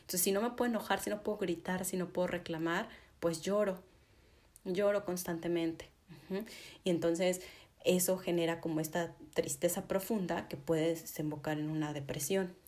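A woman's voice: fairly low pitch, fairly even intonation, moderate pace, a little mellow. A woman psychotherapist giving a conversational talk to an audience, often checking in with a rhetorical "¿no?".

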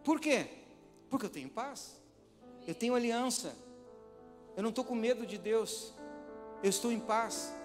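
Man, pastor, dramatic sermon, high voice, hall reverb, faint music. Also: animated, measured pace, pauses often. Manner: dramatic preaching, swinging from hushed to shouted. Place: church.

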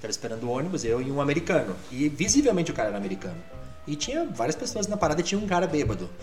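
A man in his forties chatting as a podcast guest. He talks fast with a lively, swooping delivery and acts out the people in his stories. The room is echoey, and faint music plays underneath. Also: fairly high pitch. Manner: animated storyteller, acts out quotes. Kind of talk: casual podcast chat.

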